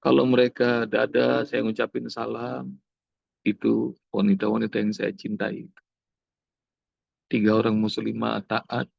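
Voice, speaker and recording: Gravelly-voiced man telling a sermon story. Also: mid-range voice, measured pace, long pauses, no echo, highs cut off. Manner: animated storytelling, acting out dialogue. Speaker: preacher.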